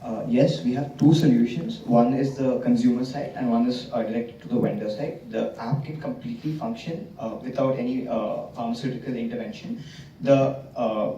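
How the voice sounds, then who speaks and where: A man's voice: medium pitch, steady tone, moderate pace, dark tone, a little hiss or hum. A male student contestant explaining his team's solution to judges, with many fillers. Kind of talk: answering a judges' panel. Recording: muffled, distant, echoey.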